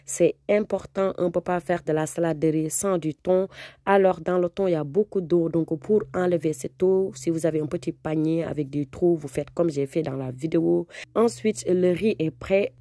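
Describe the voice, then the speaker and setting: A woman's voice: fairly low pitch, fairly even intonation, normal speed, dark tone, no echo, clean studio sound. A woman with a Senegalese accent giving a casual recipe voice-over as a cooking vlogger, switching between French and Wolof.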